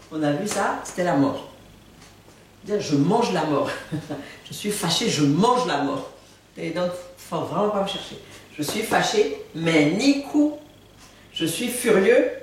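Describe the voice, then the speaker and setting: A woman's voice: lowish voice, a little hiss or hum. A woman teaching a language lesson in a playful way, repeating each word for her learners. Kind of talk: casual video lesson. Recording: very echoey room, far from mic.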